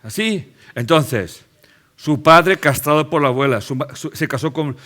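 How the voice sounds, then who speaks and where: A man's voice: a little high, animated, measured pace, pushed and bright. A man with a Spanish accent from Spain, giving a live lecture to an audience and driving his points home with rhetorical questions and tag checks.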